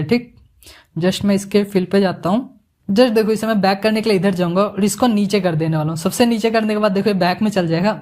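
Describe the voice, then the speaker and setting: A man giving a casual, joking software tutorial, mixing English words into his Hindi as he works. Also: sits high. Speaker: animation tutorial instructor.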